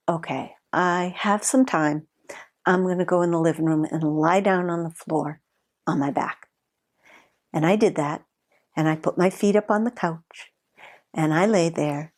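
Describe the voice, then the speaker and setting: A middle-aged woman, a massage therapist, calmly teaching body awareness and telling a personal story in a slow, deliberate, gently demonstrative way. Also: lowish voice. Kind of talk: calm instructional talk with personal story.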